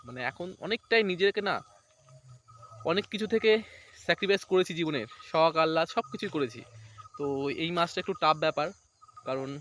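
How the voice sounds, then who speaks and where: A man's voice: on the high side, fairly bright tone. A man, chatting casually in a vlog outdoors beside a paddy field. He rambles and keeps checking in with "right?". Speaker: vlogger.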